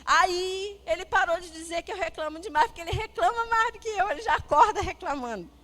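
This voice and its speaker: A middle-aged Brazilian woman, a psychologist, giving a lively church talk on parenting and acting out family dialogue as she tells stories. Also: very high voice, brisk. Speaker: guest speaker, psychologist.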